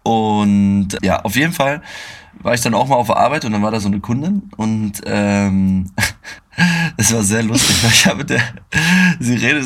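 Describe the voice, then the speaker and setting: A young man co-hosting a casual podcast, telling slangy, excitable stories with bursts of laughter. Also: on the low side, creaky, slightly rough. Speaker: podcast co-host. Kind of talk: casual chat.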